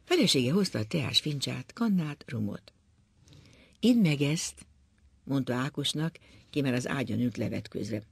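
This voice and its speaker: Man, audiobook narrator, gravelly, husky, measured reading. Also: medium pitch, lively intonation, no echo.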